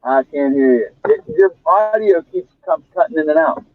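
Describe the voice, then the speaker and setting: A man's voice: fairly high pitch, expressive, moderate pace, no echo. A man calling in on his phone from outdoors, chatting casually as co-host while his audio crackles and drops out. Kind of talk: casual chat. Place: outdoors outside a casino. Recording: tinny, choppy phone line, dry.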